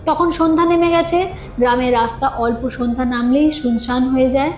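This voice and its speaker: Dramatically reading a scripted suspense story, a female horror narrator uses a high, slightly mellow voice and a fairly quick pace. The recording has an echoing studio quality and background music underneath.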